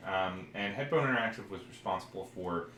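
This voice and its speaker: A man with a low, fairly bright voice talks fairly quickly as co-host of a casual retro games podcast, rambling while he hunts for details. It's recorded live on stream in an indoor room with a roomy echo and clearly audible background noise.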